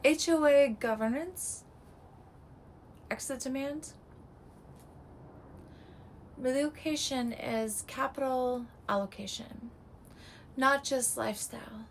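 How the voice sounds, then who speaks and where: A woman's voice: high voice, slow, long pauses, a little hiss or hum, low-quality recording. A woman real estate agent giving a scripted market breakdown in clipped, terse fragments, her voice strained and giving out.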